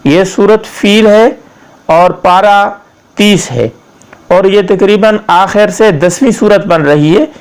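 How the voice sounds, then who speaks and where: A man teaching Quran recitation, drilling slow chanted verses word by word and correcting common mispronunciations. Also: high-pitched, clean tone.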